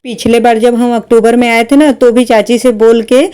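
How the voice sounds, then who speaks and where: A woman's voice: fairly high pitch, level tone, moderate pace, dark tone, smooth. A woman vlogger narrating her day in a casual, homely, chatty voice-over. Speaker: village life vlogger.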